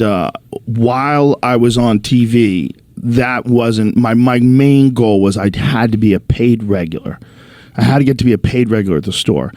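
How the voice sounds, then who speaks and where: A man's voice: medium pitch, dark tone, dry recording. A man in his fifties hosts a podcast in a mid-range voice. He talks in an emphatic, casual way, with slang and swearing. The sound is dry and close. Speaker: podcast host. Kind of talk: casual chat.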